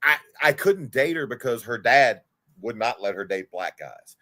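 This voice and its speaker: A man's voice: mid-range voice, moderate pace. A man in his forties, a guest on a livestream, chatting casually and telling stories in a candid way, swearing freely. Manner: animated, candid storyteller who swears freely.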